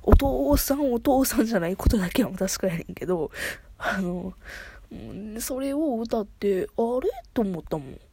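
Chatty Kansai woman, mellow dry voice. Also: a little high, moderate pace, breathy edge, no room sound. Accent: Kansai Japanese. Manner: chatty, excitable fan talk full of restarts. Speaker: podcast host. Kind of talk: casual solo podcast chat.

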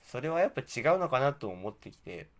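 A man's voice: mid-range voice, very animated, brisk. A man hosting a casual solo radio talk, rambling and correcting himself, with slightly slurred articulation from wearing a mouthguard. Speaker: podcast host.

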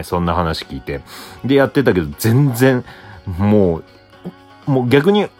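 A young man from Hokkaido hosting a solo podcast, rambling casually and answering himself with soft filler sounds. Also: lowish voice. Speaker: podcast host.

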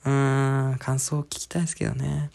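A man's voice: brisk, creaky. A male sketch comedian telling a story in a casual solo talk show, rambling and full of filler words. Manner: animated, swooping pitch.

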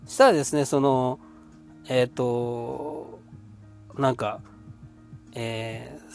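A man in his fifties hosting a podcast, telling a personal travel story in a relaxed, rambling way with lots of fillers. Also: medium pitch. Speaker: podcast host. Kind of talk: casual storytelling monologue.

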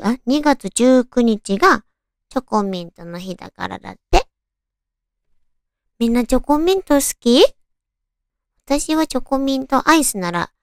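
A woman with a cute, girlish anime-girl voice hosts a casual radio talk. Her pitch sits high and moves in very animated swoops, with creaky fry in places. The sound is dry and close, as she talks to listeners like friends. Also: no room sound. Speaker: radio show host.

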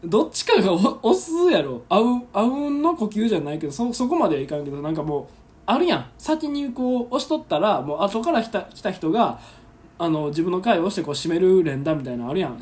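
A man's voice: high voice, sing-song, quick pace, a little mellow. Laughing man with a Kansai accent. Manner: chatty, laughing often, acts out awkward moments. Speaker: podcast host. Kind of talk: casual solo radio chat reading listener letters. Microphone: phone, streaming live while recording.

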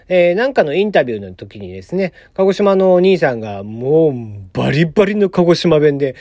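A man's voice: high voice, dry recording, studio quality. A man hosting a casual solo podcast, reading out a news item and commenting on it, with many "uh" fillers and wry asides. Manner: chatty, many "uh" fillers, wry asides, chuckles at his own jokes.

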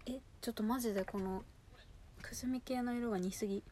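A woman chatting casually and without a script as a show host, gushing excitedly and muttering asides to herself as she handles things. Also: a little high, fairly quick, a little hiss or hum. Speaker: host of a personal audio show. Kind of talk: casual unscripted chat to listeners while unboxing and sorting cosmetics.

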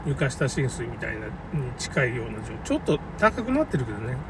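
Speaking a little quickly in a mid-range, sing-song voice, this male commentator casually rambles about a local flood, voicing plenty of opinions. Car noise and outdoor ambience fill the noisy recording, captured from a distant mic.

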